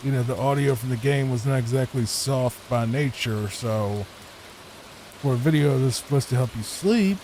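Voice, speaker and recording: Virginian man, mid-pitched, easygoing rambling game talk for sleep, faint hiss behind. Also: moderate pace, a little mellow, poor audio. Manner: laid-back, rambling. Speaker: gameplay channel host. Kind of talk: soft sleep-aid gameplay commentary. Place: home room, not a booth. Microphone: studio microphone with added EQ.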